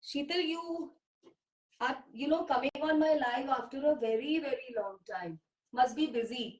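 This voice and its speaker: A woman's voice: darkish tone, far from the mic. A middle-aged woman with an Indian English accent, selling clothes on a live stream and mixing Hindi with English. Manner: mixes Hindi and English, drawn-out sales pitch. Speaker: seller hosting a live sale. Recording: echoey room, voice from off the mic.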